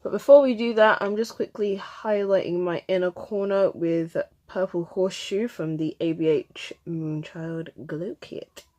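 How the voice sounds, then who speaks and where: A woman's voice: on the low side, fairly even intonation, unhurried, hardly any pauses. Chatty woman narrating a makeup tutorial. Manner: chatty step-by-step explaining, dropping to a soft murmur while concentrating. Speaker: makeup vlogger.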